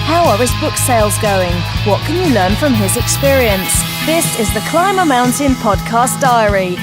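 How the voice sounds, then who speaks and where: Casting: woman announcer, animated, higher-pitched delivery for a scripted show intro, loud guitar music behind. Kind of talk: scripted promotional narration.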